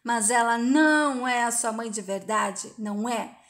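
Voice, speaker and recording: A stern mature woman in a storybook-style retelling, lecturing hard and giving no ground, as a woman narrator puts her on. Her voice sits a little high, and she keeps a harsh, moralizing edge. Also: a little slow, fairly bright tone.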